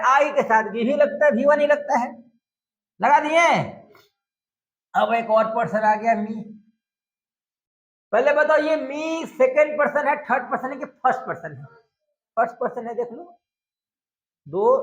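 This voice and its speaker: High-voiced man teaching in an echoey room. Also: a bit bright. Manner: coaxing, keeps asking students questions. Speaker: English teacher. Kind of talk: classroom grammar lesson. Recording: echoey, dull lo-fi room sound.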